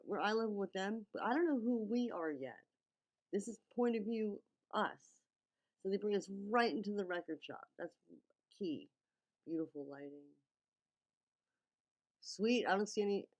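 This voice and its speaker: Woman with a lowish voice doing casual teachery video breakdown, keeps checking ur following. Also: darkish tone, rough recording. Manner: teacherly, checks in with okay and right. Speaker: video commentator breaking down a music video. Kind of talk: casual running commentary and film analysis.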